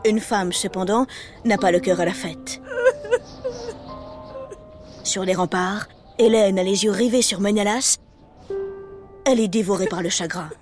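A woman's voice: mid-range voice, measured pace, pauses often. A woman telling a children's story in a playful, theatrical way, full of exclamations. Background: music.

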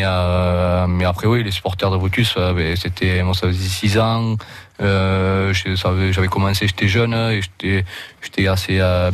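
Hesitant low-voiced Roussillon man. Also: dry recording. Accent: Roussillon French. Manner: hesitant, full of filler sounds and restarts. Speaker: rugby league player, radio guest. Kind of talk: casual radio interview.

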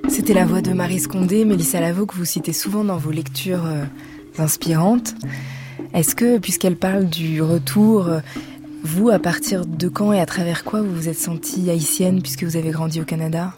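A woman hosting a radio interview, asking long questions with pauses. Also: lowish voice, music in the background. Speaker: radio host.

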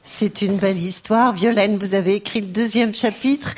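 A woman hosting a live radio word game in a studio before an audience, with brisk, lightly teasing prompts to the players. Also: mid-range voice, fairly even intonation, background noise. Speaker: radio game show host.

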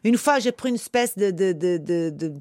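A woman's voice: medium pitch, animated, moderate pace, a little mellow, dry recording, clean studio sound. A woman with a foreign accent in French, chatting casually and emphatically as a guest in a radio interview. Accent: foreign accent in French, not Parisian. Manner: effusive, emphatic. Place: radio studio, close and dry.

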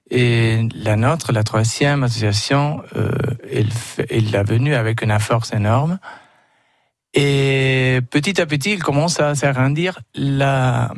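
A man with a foreign, Argentine Spanish accent in French gives interview answers at a slow pace. He searches for words and builds halting, non-native sentences. The sound is dry, with little room around him. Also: mid-range voice, dry recording. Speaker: festival artistic director, tango teacher and dancer.

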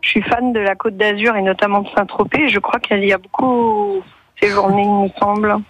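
A woman's voice: mid-range voice, fairly even intonation, normal speed, no room sound. A woman calling in to a radio show over a phone line with a bad connection, talking hesitantly and searching for her words. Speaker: radio caller. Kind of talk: phone-in chat.

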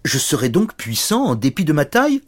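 A tiny, lovesick knight, as a man puts him on, earnest and plaintive, trying hard to sound dignified. His pitch rises and falls a lot in a storybook, with a faint hiss behind. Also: very animated, moderate pace, darkish tone, close to an everyday voice.

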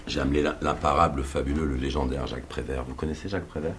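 A man's voice: extremely low pitch, steady tone, very fast, slight background noise. A man visiting an elderly woman at home, talking in a hesitant way with repeated words, then reading a poem aloud with feeling. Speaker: visiting artist.

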